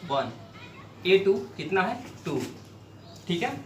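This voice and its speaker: A man's voice: high-pitched, big pitch swings, slow pace, a bit bright. Echoey male maths teacher quizzing the class. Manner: asks questions and answers them himself. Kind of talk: blackboard maths lesson. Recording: echoey room, mic far off, faint noise.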